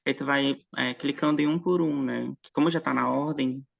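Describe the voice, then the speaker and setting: A man chatting casually with a colleague before an online conference session, friendly and quick to laugh, heard over a video call. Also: mid-range voice, steady tone, creaky, muffled recording. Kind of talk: casual online meeting chat.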